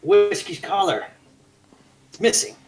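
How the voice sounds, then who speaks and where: A man playing a tabletop game with friends, blunt and excitable. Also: high-pitched, takes it slowly. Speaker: player. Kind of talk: casual tabletop game talk.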